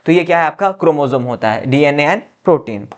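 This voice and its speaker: This biology teacher is a man whose voice sits on the higher side, speaking at a normal speed with lively intonation in a classroom lecture. He habitually poses questions and answers them himself, peppers his talk with "ठीक है", and addresses students as "बच्चा".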